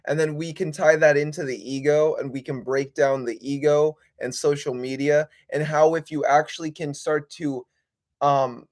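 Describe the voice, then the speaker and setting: Higher-pitched man chatting casually on livestream. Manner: informal, repeating himself and addressing viewers. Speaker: livestream host, life coach.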